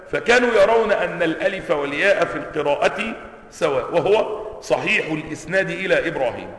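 A man's voice: high-pitched, a bit bright. An Egyptian man, a sheikh teaching Quranic sciences, who explains points, asks his class questions and repeats words to show how they are pronounced. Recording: echoey hall, long reverb.

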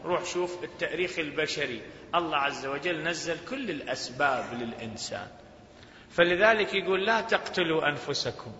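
A man's voice: a little high, expressive, a little fast, sharp tone, a little hiss or hum. A man with an Iraqi Arabic accent preaching a sermon with an impassioned delivery that rises and falls. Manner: impassioned, rising and falling delivery. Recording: echoey hall, dull sound.

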